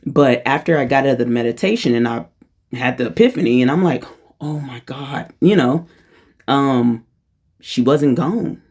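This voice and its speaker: A woman's voice: extremely low pitch, animated, normal speed, a little mellow. A woman in her thirties telling a personal spiritual story in a casual, rambling way, full of slang and restarts. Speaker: spiritual vlogger.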